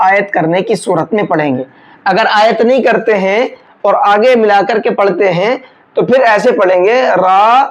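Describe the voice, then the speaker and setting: The audio is dull as a mid-range-voiced Quran recitation teacher leads a tajweed lesson, working patiently through each rule step by step and pausing to chant single words slowly and at length.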